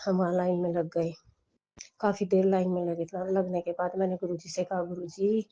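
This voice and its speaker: A woman's voice: lowish voice, little pitch movement, normal speed, dark tone, dull audio. A woman telling the congregation a personal devotional story, rambling, with restarts and quoted dialogue. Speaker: devotee sharing a testimony. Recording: home phone voice recording.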